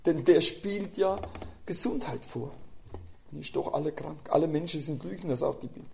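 Gravelly-voiced man preaching a sermon. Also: fairly high pitch, moderate pace, slight background noise. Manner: swings between quiet asides and loud emphatic outbursts. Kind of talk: sermon with personal anecdotes.

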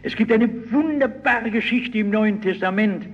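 Husky, high-voiced male preacher in a hall. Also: normal speed. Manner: animated storytelling, shouting out quoted cries. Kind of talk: sermon. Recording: dull old hall recording with long reverb.

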